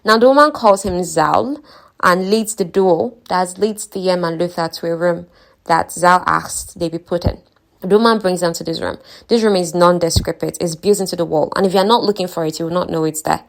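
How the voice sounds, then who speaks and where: A woman's voice: lowish voice, normal speed, creaky. A woman casually retelling a fantasy novel's story, chatting to her listeners with offhand asides. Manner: chatty, conversational, talks to listeners. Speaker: book recap narrator.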